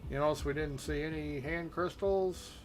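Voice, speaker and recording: Male streamer, slightly high voice, casual rambling commentary with jokey asides. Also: steady tone, normal speed, soft background music. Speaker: live streamer.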